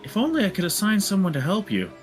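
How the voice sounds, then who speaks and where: A man's voice: high-pitched, huge pitch swings, fast, soft background music. A man voicing a grand, dreamy festival organizer woman in a video game, with a theatrical, formal delivery. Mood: grandiose. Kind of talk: reading game dialogue aloud.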